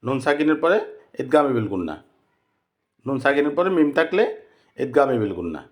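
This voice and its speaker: A man teaching Quran recitation rules step by step, repeating each example and drawing out the Arabic words slowly. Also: mid-range voice, sing-song, a little mellow. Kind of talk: slow step-by-step tajweed lesson.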